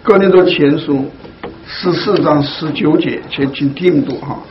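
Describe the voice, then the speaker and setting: A man leading a Bible study for his congregation, speaking slowly and deliberately with many hesitant fillers. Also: fairly high pitch. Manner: slow, deliberate, with frequent fillers. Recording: dull lo-fi recording, faint hiss.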